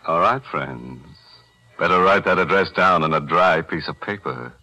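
Here the horror anthology host of a 1940s radio show sounds pushed and bright, his low voice moving at a moderate pace. He cracks grim puns with sly chuckles over music on the old broadcast recording.

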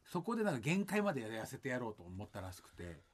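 A man's voice: medium pitch, quick pace, husky. A man co-hosting a comedy podcast, telling backstage stories and acting out other people's lines. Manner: animated storytelling, acts out quoted lines. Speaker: podcast co-host, stage actor. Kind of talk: casual comedy chat.

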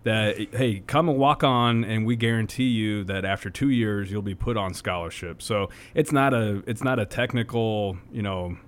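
Halting, low-voiced sports talk man. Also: clean tone. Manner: halting, many fillers and restarts. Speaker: co-host.

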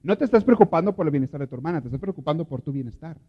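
Priest preaching in a reverberant church. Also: male voice, on the high side, expressive, very fast. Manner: swings from hushed murmurs to loud impassioned pleading. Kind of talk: sermon. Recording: dull lo-fi audio with long hall reverb.

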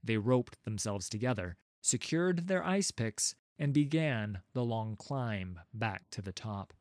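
A man narrating a fantasy audiobook in a measured, dramatic storytelling manner. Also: lowish voice, expressive, a little mellow, dry recording, studio quality.

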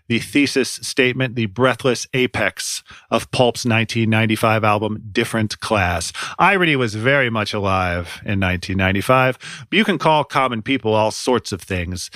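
A man's voice: fairly low pitch, a bit bright, dry recording. A man hosting a music podcast, reading scripted commentary with dry, wry, sardonic asides into a close studio mic. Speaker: podcast host.

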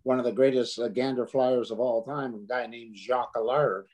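A man's voice: medium pitch, fairly even intonation, moderate pace, darkish tone. A man chatting casually as an interview guest, reminiscing in a folksy, emphatic way with running lists. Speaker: interview guest, hockey veteran.

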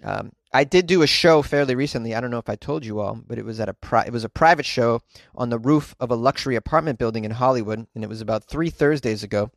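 A man's voice: medium pitch, fast talker, vocal fry, no echo, studio quality. A male comedian hosting a podcast from inside a closet, riffing on odd news in a wry, rambling, over-caffeinated way. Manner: wry, rambling, self-described overly caffeinated. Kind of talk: jokey solo news commentary.

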